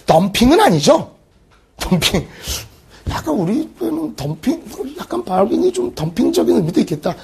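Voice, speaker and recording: A man teaching an exam-prep English lesson, firing quick rhetorical questions at the class. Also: high-pitched, a little mellow, breathy edge. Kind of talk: recorded exam-prep lecture.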